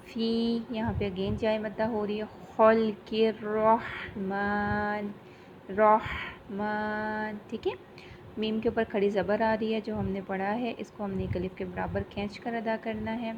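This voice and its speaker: A female Quran teacher with a Pakistani Urdu accent giving a tajweed lesson. She recites slowly and repeats syllables over and over as a drill. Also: medium pitch, level tone, dark tone, lo-fi sound, a little hiss or hum.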